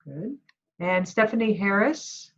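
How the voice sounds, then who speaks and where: A woman's voice: medium pitch, animated, slow pace, dull audio. A woman instructor calling on students one by one during an online class. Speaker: course instructor. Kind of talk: online class roll call. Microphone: video call.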